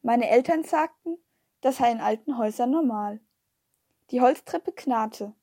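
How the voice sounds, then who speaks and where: A woman narrating a children's story in a lively first-person storytelling manner. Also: a little high, unhurried, no echo, studio quality. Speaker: audiobook reader.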